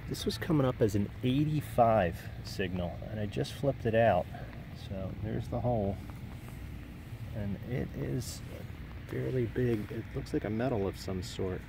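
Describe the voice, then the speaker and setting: A man with a lowish, crackly voice talks casually through what he is finding as a metal detecting host. He half murmurs to himself in understated wonder. He is recorded outdoors on a handheld camera, with noticeable ambient noise around him. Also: unhurried. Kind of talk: casual field narration of finds. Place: outdoors in a wooded park. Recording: clear outdoor background noise.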